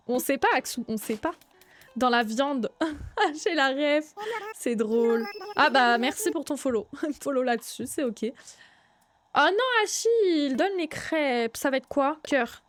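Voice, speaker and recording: A young woman streaming live, chatting casually with her viewers, greeting them by name and breaking into excited outbursts. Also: high-pitched, measured pace, a crowd in the background.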